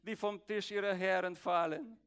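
A woman's voice: mid-range voice, steady tone, normal speed, clean tone, pitched above the performer's own voice, close to an everyday voice. A male preacher voicing a desperate foreign woman in a Bible reading, pleading for help.

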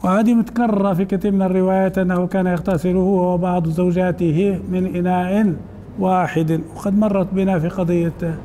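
A man's voice: high voice, level tone, fairly quick, mellow, in a large hall, slight background noise. A man teaching a hadith commentary, reading the text aloud, then explaining it in colloquial asides and putting questions to his class.

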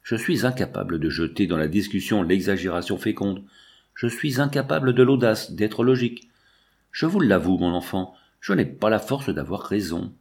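A man voicing an aging male scientist, weary and stubborn, speaking in measured, solemn tones. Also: on the low side, lively intonation, gravelly, darkish tone.

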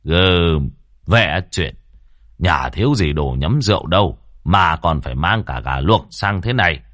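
A poor but proud old village man grumbles in a low, gravel-edged register, as a male narrator plays him. The delivery is dry and close, with no room sound. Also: lively intonation, a little slow, a bit bright, dry recording. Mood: gruff kindly.

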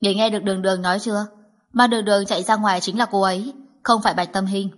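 Casting: a woman doing a terse young dad, firm and low-key, husky, audiobook. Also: steady tone, rapid-fire, lightly acted. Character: calm protective young father, curt and firm.

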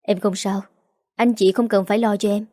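A betrayed older aunt speaks coldly and evenly, voiced by a woman narrator. Her voice is mellow and dry-sounding. It is a storybook reading. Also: medium pitch, moderate pace, no room sound, close to an everyday voice. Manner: flat, controlled. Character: older aunt, cold and stone-still after betrayal.

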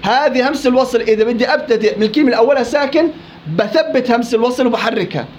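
In a live class, a man speaking very fast in a very high voice teaches the rules of Quran recitation with a Levantine Arabic accent. He is lively, questioning his students and teasing them as he goes, captured on a dull lo-fi classroom recording with slight background noise.

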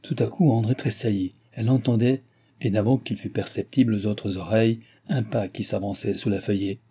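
A man narrating a classic novel as an audiobook in even, measured storytelling. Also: fairly low pitch, husky.

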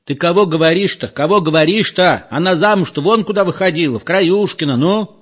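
Male reader doing tipsy old villagers, argumentative and lively. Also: high voice, brisk, breathy edge, soft background music, voice pushed up. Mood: arguing. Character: tipsy old villagers arguing over memories. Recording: dull lo-fi audiobook recording.

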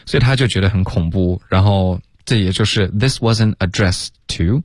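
A man teaching English on a radio lesson, switching between Chinese and English and slowly drilling phrases. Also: low-pitched, dry recording, clean studio sound. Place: radio studio.

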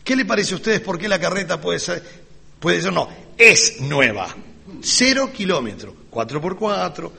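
A man preaches with ironic, sarcastic flair. His voice is bright and a bit high, and it swings widely in pitch. The sermon echoes with a long hall reverb. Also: sing-song, moderate pace, gravelly. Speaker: pastor.

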